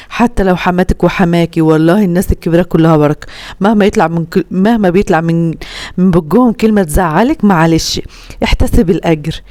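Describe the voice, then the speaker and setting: Fast-talking Upper Egyptian woman vlogger. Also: lowish voice, dark tone, no room sound. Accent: Upper Egyptian Arabic. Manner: earnest, heartfelt, full of pious phrases. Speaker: home vlogger. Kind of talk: casual chatty advice to viewers.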